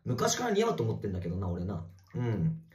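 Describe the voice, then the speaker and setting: A man livestreaming from a bathroom, reading viewer comments in casual chat and swearing at commenters in a rough, teasing way. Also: fairly low pitch, wildly swooping pitch, fast talker, a little mellow. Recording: echoey bathroom.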